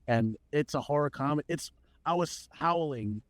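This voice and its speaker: A man's voice: fairly high pitch, moderate pace, no room sound. A man guesting on a radio show, talking with enthusiasm and emphasis, speeding up when retelling what others said. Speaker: guest writer. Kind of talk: casual radio interview chat. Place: radio studio.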